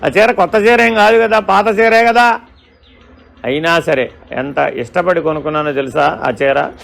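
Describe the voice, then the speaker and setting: High, gravelly-voiced man giving a spiritual discourse. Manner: questioning, animated storytelling. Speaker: spiritual teacher. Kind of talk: Vedanta discourse.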